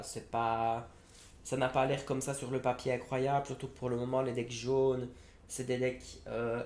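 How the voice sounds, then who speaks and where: A man's voice: mid-range voice, a little mellow. A young man reviewing trading card game products in a casual, hesitant way, with frequent fillers and self-corrections. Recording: roomy echo, faint background noise.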